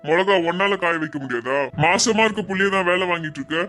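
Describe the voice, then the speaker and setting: A man voicing a stern older village father-in-law in a cartoon, speaking in a gruff, scolding way. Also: high-pitched, quick pace, pushed and bright, faint music behind.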